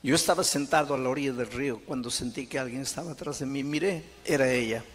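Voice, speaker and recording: A male pastor with a Latin American Spanish accent preaching a sermon, moving between loud, high appeals and soft, slow storytelling. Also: a little hiss or hum.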